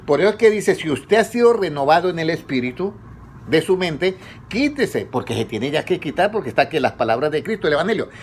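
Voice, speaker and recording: A man preaching conversationally, asking his congregation questions and letting them answer, his pitch rising on each question. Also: sing-song, a little fast, slight background noise. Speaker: pastor leading a Bible study. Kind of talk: conversational sermon.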